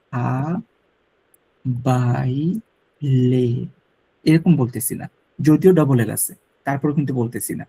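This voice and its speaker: A man with a husky voice teaches a French class. He goes over each verb form slowly and patiently, repeating every drill. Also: mid-range voice, warm tone, low-quality recording. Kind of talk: classroom lecture.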